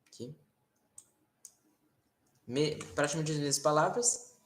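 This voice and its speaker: Brazilian man, informal language teacher, patient filler-heavy explaining, roomy sound. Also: fairly high pitch. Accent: Brazilian Portuguese. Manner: informal, explains slowly with many fillers and tag questions. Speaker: Latin teacher. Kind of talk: casual online lesson. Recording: roomy echo.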